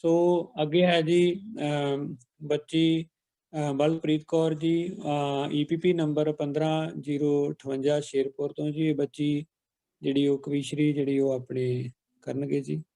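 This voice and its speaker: A man hosting an online class, gently correcting and announcing students. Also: fairly high pitch, little pitch movement, measured pace, creaky. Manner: gentle corrective, addresses children as beta ji. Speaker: teacher hosting online camp. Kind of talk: instructive announcing.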